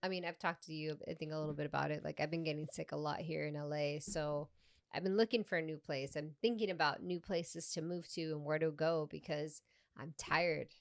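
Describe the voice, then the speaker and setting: A young woman from Peru chats on a comedy podcast. She tells animated stories, slides between English and Spanish, and laughs through her anecdotes. Her voice is smooth and clear, recorded close and dry with no room sound. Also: sits low, a little fast, no room sound. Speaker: podcast co-host and stand-up comedian. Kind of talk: casual podcast chat.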